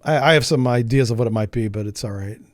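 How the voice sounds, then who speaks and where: A man streaming a game, chatting casually with his viewers, joking, laughing often and thinking out loud. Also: mid-range voice, quick pace, dry recording. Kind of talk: casual live gameplay commentary.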